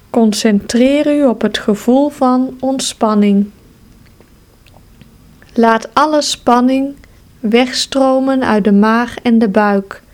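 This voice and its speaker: Woman, relaxation guide; very slow, calm, soothing delivery, slightly high voice. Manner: slow, calm, soothing instructions with long pauses. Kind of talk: guided progressive muscle relaxation.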